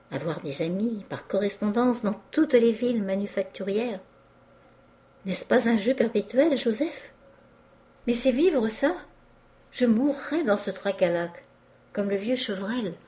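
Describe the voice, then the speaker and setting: A woman voicing a shrewd, exuberant old male cloth merchant who talks in a hearty, animated, lecturing way. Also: medium pitch, close to an everyday voice.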